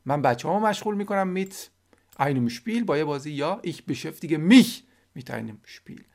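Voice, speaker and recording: A man whose first language is Persian teaching German in a recorded lesson. He reads German example sentences slowly and carefully, then explains them quickly in a casual, conversational way. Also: on the high side, very animated, vocal fry, darkish tone.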